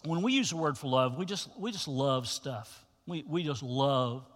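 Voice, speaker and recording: A man preaching a sermon to his congregation as pastor, telling the story with animated, folksy asides. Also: medium pitch, normal speed, in a large hall.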